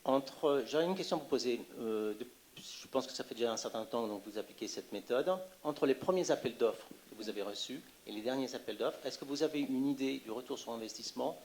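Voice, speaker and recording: A man's voice: medium pitch, a little fast, darkish tone, poor audio. Man asking a question, faint background noise. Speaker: audience questioner.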